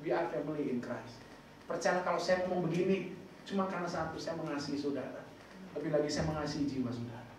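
A male pastor preaches with a high voice, teasing his congregation with quick questions. He sounds distant from the mic, and the church hall rings with heavy echo. A faint hum of ambience sits behind him. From Indonesia. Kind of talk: sermon. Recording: echoey hall, far from the mic.

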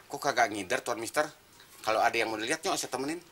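A man's voice: medium pitch, fast, fairly bright tone, a little hiss or hum, lightly acted. A man with a Betawi accent in a soap opera, talking bluntly and scolding in colloquial speech. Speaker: Jungkat, village man hosting a foreigner. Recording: music bed behind.

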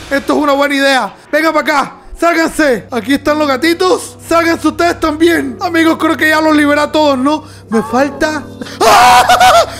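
A young man commenting on a horror video game in an excitable way, yelping, laughing and talking straight to his viewers. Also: very high voice. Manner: excitable, yelps and laughs, talks to viewers as "amigos". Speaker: gaming YouTuber.

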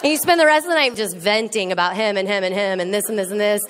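A woman giving a comedic talk to a live audience, animated and teasing, acting out quoted voices. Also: medium pitch, fast. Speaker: speaker. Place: large hall with an audience. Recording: echoey hall with faint noise.

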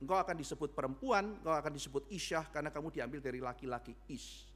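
A male pastor preaching a sermon in church, telling stories and acting out both sides of the dialogue. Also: a little high. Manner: animated storytelling with acted dialogue. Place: church sanctuary.

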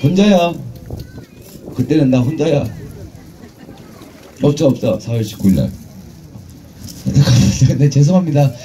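A man emceeing a street performance at an outdoor festival, teasing the crowd with crude jokes and shouting music cues. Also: on the high side, expressive, slow, pauses often, slight background noise.

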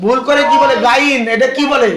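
A man's voice: very high-pitched, normal speed, very noisy. A man teaching Quran letter pronunciation, asking questions and repeating sounds for a class to echo. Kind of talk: classroom call-and-response drill. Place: classroom with students. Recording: echoey room with a class around.

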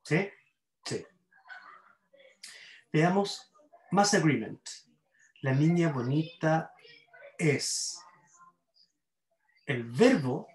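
A man's voice: fairly high pitch, big pitch swings, extremely slow, long pauses, reverberant, rough recording. A man with a Chilean accent teaching a university grammar class online. He explains by repeating examples and checks in with his students. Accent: Chilean Spanish.

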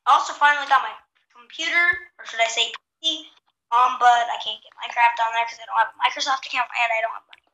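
Brief: chatty gaming host, woman, bright higher voice, roomy bathroom echo, faint hiss. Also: quick pace. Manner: chatty, talks to viewers. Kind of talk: casual game chat. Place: small echoey bathroom. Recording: echoey bathroom, faint noise.

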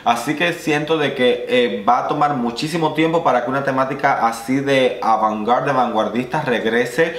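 A man's voice: mid-range voice, normal speed, hardly any pauses, a bit bright. A young man, a drag queen, giving emphatic, opinionated commentary in a casual vlog. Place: small indoor room. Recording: roomy echoey room.

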